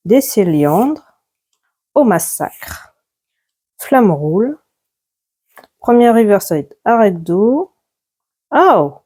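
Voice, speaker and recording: A woman's voice: medium pitch, warm tone, breathy edge. A woman chatting casually as she opens trading card packs, listing each card as it comes out. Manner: chatty, lists cards one by one. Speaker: YouTuber opening card packs. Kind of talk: casual pack-opening commentary.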